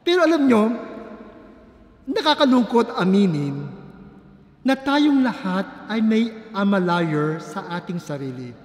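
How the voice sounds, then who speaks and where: A high-voiced male priest delivers a measured homily, stressing his main points one by one. The voice rings through a large church with a long, roomy reverb. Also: very animated. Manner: deliberate, emphatic preaching. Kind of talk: sermon. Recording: echoey church hall.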